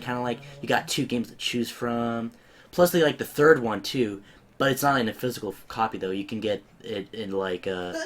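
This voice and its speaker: A young man hosting a casual gaming podcast, rambling with lots of fillers and restarts. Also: lowish voice. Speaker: podcast host. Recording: faint background noise.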